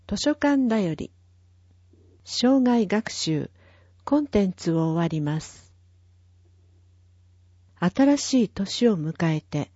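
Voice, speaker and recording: Slow, husky woman reading a bulletin. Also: mid-range voice, mellow, no room sound. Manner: measured, spells out numbers and addresses digit by digit. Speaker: reader of a town newsletter. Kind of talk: slow, careful read-aloud of a printed bulletin. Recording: dull, lo-fi and dry.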